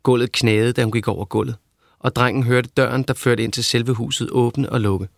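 A man narrating a novel in a steady, even reading voice. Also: medium pitch, gravelly, no room sound, studio quality. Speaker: audiobook narrator. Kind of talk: scripted narration.

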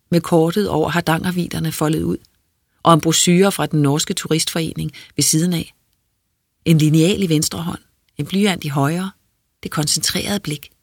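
A quiet, measured audiobook narrator reading first-person prose in an introspective tone. The voice is somewhat husky, close and dry, with a middle pitch. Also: dry recording.

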